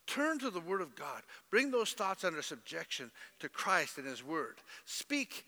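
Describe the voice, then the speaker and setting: A man's voice: a little high, sing-song, measured pace, pushed and bright, big-room sound. A middle-aged man preaching a sermon in a church, emphatic, with mimicked voices. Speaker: pastor.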